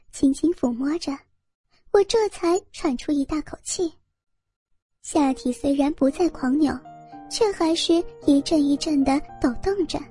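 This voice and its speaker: High-voiced woman reading a story. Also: warm tone. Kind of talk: first-person story narration.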